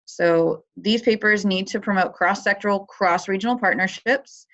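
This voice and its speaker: Gravelly-voiced woman presenting a webinar. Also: medium pitch, normal speed, fairly bright tone. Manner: conversational, many fillers, talks through her slides. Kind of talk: explaining a competition on a webinar. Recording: dull lo-fi webinar audio.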